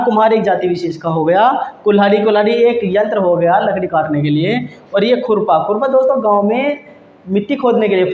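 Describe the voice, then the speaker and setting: High-voiced man teaching grammar. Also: a little mellow. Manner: patient, repeats words slowly, often says "dosto". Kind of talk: exam-prep grammar lesson. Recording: dull, echoey room with faint hiss.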